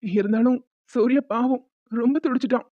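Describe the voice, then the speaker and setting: A woman voicing a soft-hearted young father in a cartoon, fretful and doting. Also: on the high side, fairly even intonation, moderate pace, no echo, muffled recording, close to an everyday voice. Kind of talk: cartoon voice acting.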